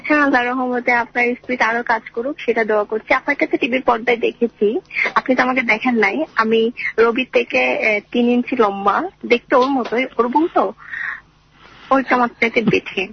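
A woman's voice: on the high side, fairly even intonation, moderate pace, creaky, husky. Chatty Chittagonian woman calling in. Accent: Chittagonian Bengali. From Chittagong, Bangladesh. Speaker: radio caller. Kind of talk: casual phone-in chat. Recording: slightly muffled radio broadcast.

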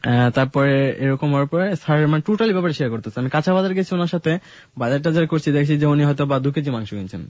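Halting man with fillers. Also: fairly high pitch, lively intonation, darkish tone, no echo. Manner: halting, with many fillers and restarts. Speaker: guest telling his life story. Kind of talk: casual radio conversation. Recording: dull lo-fi radio studio sound.

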